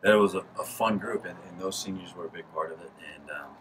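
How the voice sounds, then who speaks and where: A man in his thirties, a high school baseball coach, talking casually in a postgame interview from a press box, with many restarts. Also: steady tone, fast talker, fairly bright tone. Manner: casual, rambling with restarts and laughs. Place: press box above a lit ballfield at night. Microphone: headset mic. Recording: distant mic with background noise.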